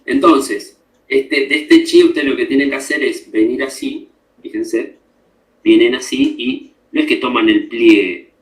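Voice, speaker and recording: A man lecturing students in a classroom, working through each point patiently and pausing often to ask if they understand. His mid-range voice bounces around a roomy, echoey space. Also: mid-range voice, big pitch swings. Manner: explanatory, checks understanding with frequent tag questions. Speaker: instructor. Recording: echoey room.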